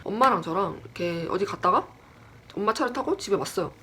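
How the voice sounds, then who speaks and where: Lively woman telling a scary story. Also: mid-range voice, fast talker, slight background noise. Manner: lively, acts out quoted lines; self-deprecating, chatty asides. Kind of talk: casual horror storytelling.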